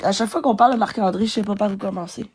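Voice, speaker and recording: A woman's voice: mid-range voice, racing, darkish tone, slightly rough. A woman with a Québécois French accent ranting angrily as a guest on a live stream, swearing often. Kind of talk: angry live-stream rant.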